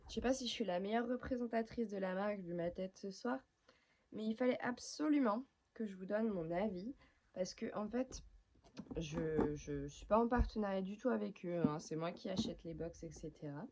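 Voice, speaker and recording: Talking about her skincare routine, a young woman vlogs casually from her bedroom at night using a handheld phone camera with no tripod. Her mid-range, slightly mellow voice keeps a normal speed as she chats frankly, pokes fun at herself and sometimes whispers, with a faint hiss or hum underneath.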